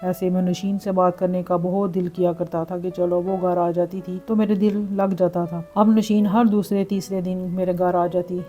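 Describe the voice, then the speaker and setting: A woman narrating a first-person story with a steady, even reading. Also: lowish voice, hardly any pauses. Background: faint background music.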